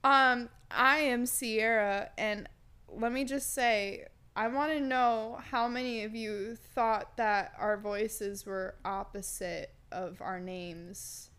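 A woman's voice: a little high, fairly even intonation, takes it slowly, fairly bright tone, clear, resonant tone. A woman co-hosting a podcast, teasing and laughing often in casual chat. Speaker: podcast co-host.

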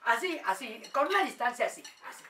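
A mother tells a story in a bright, somewhat high voice. She is animated and acts out the voices of the people she quotes. The mic sits a little away from her. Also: moderate pace, far from the mic, slight background noise. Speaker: mother telling a paranormal story. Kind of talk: casual storytelling.

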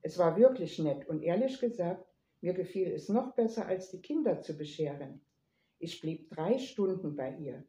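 Female reader, playful storyteller, dark mellow timbre, roomy echo. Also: fairly low pitch, animated, normal speed. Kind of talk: storybook narration. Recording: echoey room.

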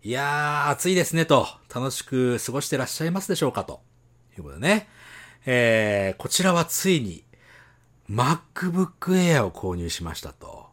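Man, podcast co-host, very lively pitch, casual chat, laughs a lot, teasing tone. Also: moderate pace. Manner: animated, laughs often, teasing.

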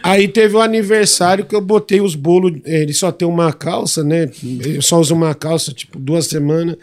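A man's voice: fairly high pitch, fairly even intonation, moderate pace, darkish tone. A man with a Brazilian accent, a podcast guest telling stories casually and animatedly, swearing freely and acting out the people in his stories. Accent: Brazilian Portuguese. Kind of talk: casual storytelling.

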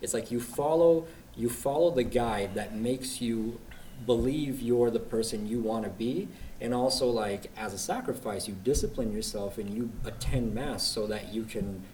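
A man's voice: medium pitch, normal speed, darkish tone. A young man in a casual, reflective group discussion, explaining his thinking earnestly and at length. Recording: distant mic, faint room noise.

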